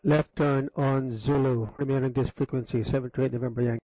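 A man's voice: mid-range voice, fairly even intonation, brisk, mellow, no echo, lo-fi sound. A man speaking as a pilot over a cockpit headset radio, giving clipped readbacks of aviation instructions.

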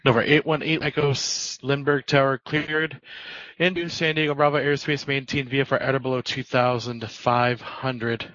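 A man's voice: mid-range voice, steady tone, moderate pace, a bit bright, dry recording. A man working as an air traffic controller, giving clipped, businesslike procedural instructions over radio. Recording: slightly muffled radio audio.

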